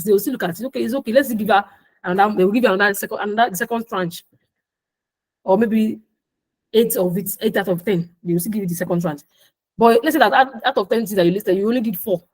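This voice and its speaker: A woman's voice: medium pitch, slightly rough, poor audio. Emphatic woman coaching founders. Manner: repetitive, emphatic, laughs at her own points. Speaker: speaker on business funding. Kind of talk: informal talk to entrepreneurs.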